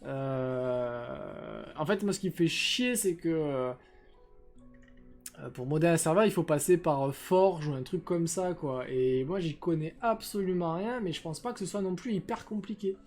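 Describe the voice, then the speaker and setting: A young man streams live, rambling casually with lots of hesitations and crude slang into a desk microphone fitted with noise filters. His voice is fairly high and darkish in tone, he takes his time, and faint music plays behind him.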